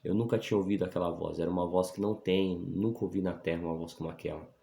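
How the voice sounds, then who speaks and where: A man with a very low voice gives his conversion testimony as a pastor, speaking earnestly and with emphasis. He keeps checking in with his listeners with a quick "né?". His voice rings in an echoey room. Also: steady tone, vocal fry, dark tone, slight background noise. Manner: earnest, emphatic, often adds "né?" for assent.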